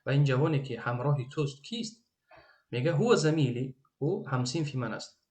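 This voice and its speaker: Tajik-accented male Arabic teacher, patient, repeats and translates each phrase, mid-pitched voice. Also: lively intonation, darkish tone. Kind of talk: recorded Arabic grammar lesson.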